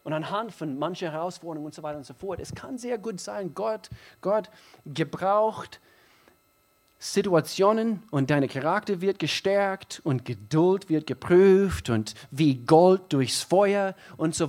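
A man delivering a sermon in a fairly high voice. He is emphatic and repeats key phrases, swinging from hushed, intimate passages to loud, driving emphasis. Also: expressive, measured pace. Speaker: preacher.

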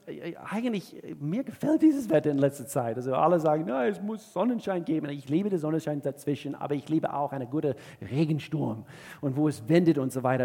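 A male pastor from the southern United States, preaching an earnest sermon in German with many halting restarts. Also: a little high, darkish tone, long reverb tail. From Georgia, southern USA.

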